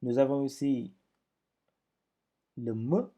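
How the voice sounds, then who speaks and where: A man's slightly husky, breathy voice explains a lesson step by step. He talks slowly and patiently, repeating points. When he drills syllables he speaks up more. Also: mid-range voice, warm tone. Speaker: teacher.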